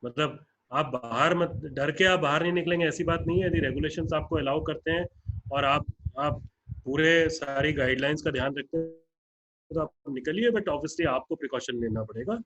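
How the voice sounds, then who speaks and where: A man's voice: fairly high pitch, normal speed, fairly bright tone, lo-fi sound. A man with an Indian accent speaks to partner groups in an online webinar, earnest and plain-spoken, slipping English phrases into his talk. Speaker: founder addressing partner groups. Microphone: video call.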